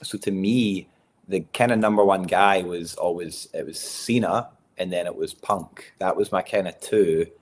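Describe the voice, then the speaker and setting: Deep-voiced man with a posh Scottish accent. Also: moderate pace. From Largs, Scotland. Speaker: wrestler being interviewed. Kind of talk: casual chat.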